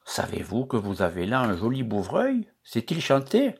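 A man reading aloud, voicing a shy, earnest young charcoal burner who speaks softly. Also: mid-range voice, huge pitch swings, normal speed, gravelly, a little hiss or hum. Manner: soft, earnest.

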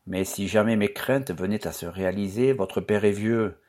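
Man as a shy, honest young worker in a storybook, quiet and low-pitched. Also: normal speed, natural voice. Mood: earnest. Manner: soft, earnest. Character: shy earnest young male charcoal burner.

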